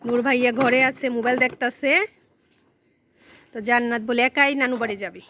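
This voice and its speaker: A woman's voice: on the high side, fairly even intonation, normal speed, a bit bright, no echo. A woman filming and narrating a casual family vlog, coaxing her small daughter while talking to viewers.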